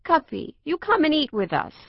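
A woman's voice: high-pitched, very animated, moderate pace, gravelly, no echo, dull audio, pitched above the performer's own voice, heavily acted. A woman voicing an earnest, matter-of-fact seven-year-old boy.

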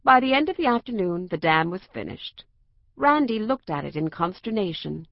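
A woman reads a children's storybook aloud with an expressive, lilting delivery. Her voice carries a gravelly texture. The recording is dry and slightly dull. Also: mid-range voice, normal speed, no echo. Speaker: narrator.

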